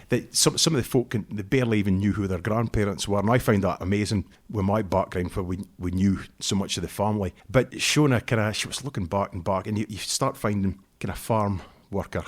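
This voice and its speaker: Brief: Scottish man from the northeast, lowish voice, easygoing storyteller, Scots words. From northeast Scotland. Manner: relaxed, talkative, uses Scots words like wee and aye. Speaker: guest musician. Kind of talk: casual interview chat.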